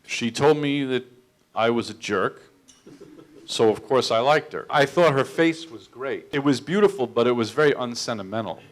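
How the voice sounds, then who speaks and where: A film director tells stories to an audience at a public Q&A, his mid-range voice moving at a moderate pace. He frequently stumbles, repeating and restarting his words, and his anecdotal humor is self-deprecating.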